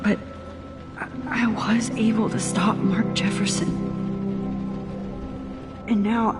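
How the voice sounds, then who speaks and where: A woman's voice: mid-range voice, flat delivery, slow, over loud music, lightly acted. A woman playing an anxious, determined, introspective teenage girl in a video game, often in inner monologue. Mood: pensive, troubled.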